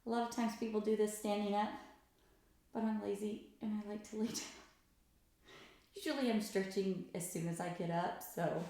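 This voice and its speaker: A woman's voice: mid-range voice, fairly even intonation, moderate pace, long pauses, dark tone. Woman in a very echoey room, casual instruction. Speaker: host of a stretching routine video. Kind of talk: casual exercise instruction, talking through own stretches.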